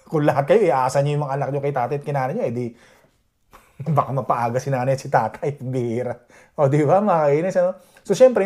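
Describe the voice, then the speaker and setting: With a mid-range, slightly mellow voice, a vlogger from the Philippines talks casually to his viewers in Edmonton, Canada. "Di ba?" comes up often as he checks whether they agree.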